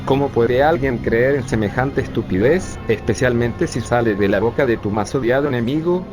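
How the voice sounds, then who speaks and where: A synthetic male voice of medium pitch and normal speed, close to an everyday voice, plays an urban planning professor. In scripted narration over a music bed, he bitterly and sarcastically recalls his youth as a refugee.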